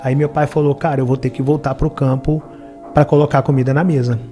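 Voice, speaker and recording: A man's voice: mid-range voice, little pitch movement, a little fast, warm tone, faint music behind. A middle-aged man from Minas Gerais, Brazil, with a Minas Gerais accent, telling a personal story in an earnest, reflective way during an interview. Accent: Brazilian Portuguese, Minas Gerais.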